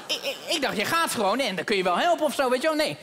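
A male stand-up comedian with a bright, forward tone and a voice that swings freely up and down. He tells self-mocking stories with animated energy, heard from a stage in a reverberant theater with a faint hiss underneath. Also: very high-pitched, fast. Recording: live theater hall reverb, faint noise.

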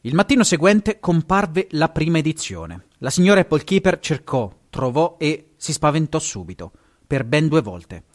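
Animated Italian man reading a story. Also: fairly high pitch, normal speed. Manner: lively, stumbles and corrects himself, chuckles at asides. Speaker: podcast host and story reader.

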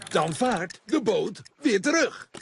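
A man voicing a big, gruff, scheming male cat in a dubbed cartoon, with a teasing, drawn-out manner. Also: sits high, big pitch swings, a bit bright, slight background noise, exaggerated voice. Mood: sly. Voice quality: gravelly and teasing. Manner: sly, drawn-out, chuckling. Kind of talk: cartoon dub voice acting. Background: music.

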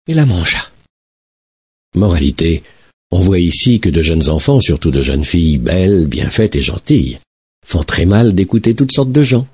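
A man narrating a classic fairy tale in a lively, expressive storybook reading. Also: sits low, slightly rough, no room sound, studio quality.

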